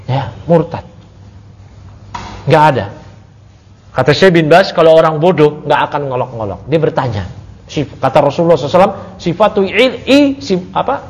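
A man teaching an Islamic study class, talking casually with his listeners and swinging from low asides to raised, emphatic points. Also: a little mellow. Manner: conversational, asks the audience, swings from low to raised emphatic tones. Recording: muffled audio recording.

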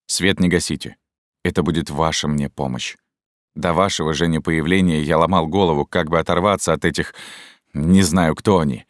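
A weary, guarded middle-aged scientist, as read by a male narrator, slow and resigned in a very low voice. He speaks quietly and close, with a dry studio sound. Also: no echo, natural voice.

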